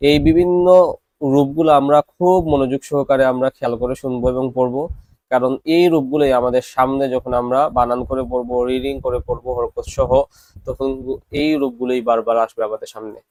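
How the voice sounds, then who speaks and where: A man teaching Quran reading, patiently explaining and slowly reciting letter names. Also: medium pitch, fairly even intonation, a little mellow, no echo. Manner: patient, repetitive instruction. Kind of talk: classroom-style recorded lesson.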